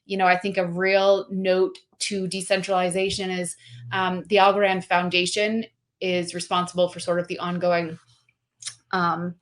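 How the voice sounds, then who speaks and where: A woman speaking as a guest in a casual interview, animated and talkative, full of fillers and restarted sentences. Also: on the low side, normal speed. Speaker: guest, company representative.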